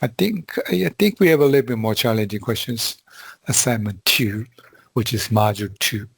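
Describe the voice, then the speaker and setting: A man teaching a class over a video call, walking through spreadsheet formulas in a slow, halting way with frequent fillers. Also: mid-range voice, vocal fry, breathy edge, dry recording. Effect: heard over a video call. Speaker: instructor. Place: video call from a quiet room. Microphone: computer mic on a video call.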